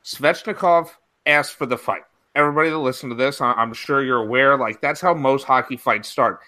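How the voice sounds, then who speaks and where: A man with a bright, mid-pitched voice argues about hockey on a podcast. He sounds emphatic and argumentative. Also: brisk. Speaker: podcast co-host. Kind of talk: casual sports chat.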